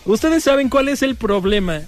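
A man's voice: extremely high pitch, expressive, normal speed, faint music behind. A man with a Mexican accent hosting a radio joke segment, playful and laughing at his own jokes. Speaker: radio comedy host.

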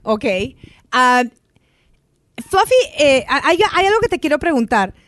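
Chatty woman host, slightly high voice. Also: big pitch swings, unhurried, a bit bright, no echo. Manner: chatty, affirming, laughs along. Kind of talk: casual interview.

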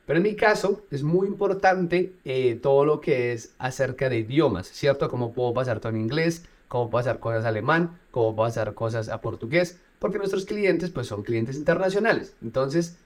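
A man who runs a business, talking straight to viewers in a casual tutorial vlog. He speaks with energy and drops punchy sound words like "boom" as he goes. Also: brisk, hardly any pauses. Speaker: business owner.

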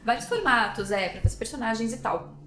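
A Brazilian woman co-hosting a podcast, telling her story in a lively, chatty way full of fillers. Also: fairly high pitch, a little fast. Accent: Brazilian Portuguese. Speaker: podcast co-host. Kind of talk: podcast conversation. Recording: roomy echo, faint music behind.

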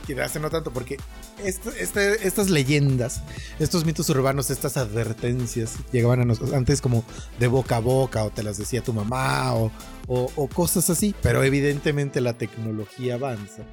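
A man's voice: medium pitch, normal speed, darkish tone, faint music behind. A man in his thirties with a Mexican accent, co-hosting a casual podcast and telling a personal story, acting out the quoted dialogue. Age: 30s. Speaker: podcast co-host.

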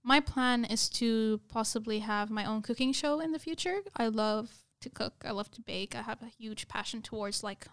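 A young adult woman appears as an interview guest, her voice fairly high, clear and smooth. Earnest and effusive, she chats at a normal speed with few pauses, doubling words to stress them.

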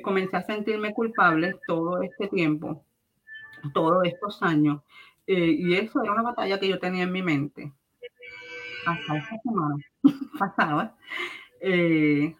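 The audio is dull, and the woman's voice is fairly low. A middle-aged Puerto Rican with a Puerto Rican Spanish accent, she offers her personal religious testimony, speaking to listeners directly and earnestly and repeating herself for emphasis.

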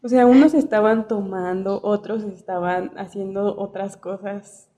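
A woman's voice: mid-range voice, fairly even intonation, a little slow, dark tone, a little hiss or hum. A woman with a Mexican accent, a podcast co-host reminiscing in casual chat.

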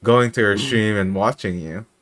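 A man hosting a casual podcast, talking loosely and filling his sentences with "you know" and "like". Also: on the low side. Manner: slow and lively, lots of "you know" and "like". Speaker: podcast host.

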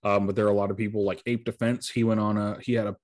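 A man's voice: on the low side, little pitch movement, fast talker. A man hosting a podcast, chatting casually and rambling with lots of fillers, sounding tired. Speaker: podcast host.

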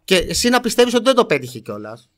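Animated high-voiced young man arguing. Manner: defensive, emphatic, repeats himself. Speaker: YouTuber. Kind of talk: heated casual debate.

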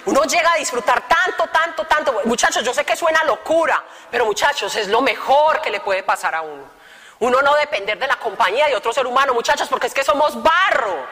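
Lively woman, bright voice. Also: sits high, a little fast. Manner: animated, joking, colloquial, playful asides. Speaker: speaker giving testimony to youth. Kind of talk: lively testimony talk. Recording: reverberant hall.

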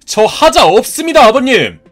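A man's voice: high voice, very animated, normal speed, faint music behind. A man voicing a polite but defiant groom. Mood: pleading. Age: 30s. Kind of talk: cartoon story dub.

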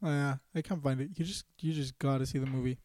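A man's voice: medium pitch, fairly even intonation, fast talker, a little mellow. A young man co-hosting a podcast in laid-back casual chat, full of "yeah" and "like". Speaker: podcast co-host.

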